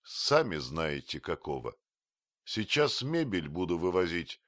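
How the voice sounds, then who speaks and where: A man's voice: sits low, big pitch swings, measured pace, a bit bright, no room sound, exaggerated voice. Curt commanding con man voiced by the male narrator, audiobook character, dry close sound. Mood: stern. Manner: curt, clipped official tone. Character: stern, confident swindler man, brusque and commanding.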